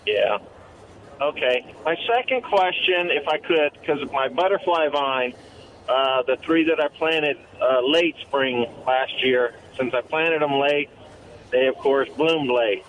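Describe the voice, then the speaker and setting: A man's voice: medium pitch, slow pace. A man calls in on a hands-free car speakerphone, his voice muffled and dull over the line. He talks in long, detailed, self-correcting stretches, with a faint hum of the car behind him. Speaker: caller. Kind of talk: call-in radio question. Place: driving in a car. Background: faint car noise.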